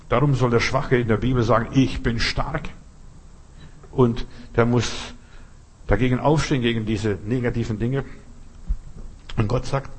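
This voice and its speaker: A man's voice: mid-range voice, darkish tone, slightly rough. A man preaching a sermon, earnestly exhorting and speaking straight to his listeners.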